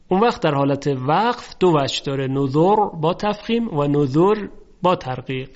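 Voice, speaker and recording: A man teaching the rules of Quran recitation. He explains each rule step by step, asks questions and answers them himself, and slows down to recite verses. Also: fairly high pitch. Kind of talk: tajweed lesson, explaining and reciting. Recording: dull lo-fi recording.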